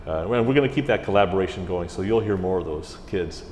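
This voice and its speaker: A middle-aged man, a music director in an interview, telling stories in a chatty, animated way. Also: sits low, quick pace. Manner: chatty, animated, slips into mimicked voices. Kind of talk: casual interview storytelling. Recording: roomy hall echo with faint ambient hiss.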